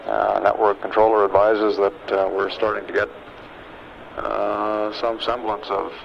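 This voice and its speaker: A man giving official live mission commentary in a measured, hesitant way with pauses. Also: on the low side, little pitch movement, creaky. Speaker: mission control public affairs announcer. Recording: dull archival broadcast, faint noise.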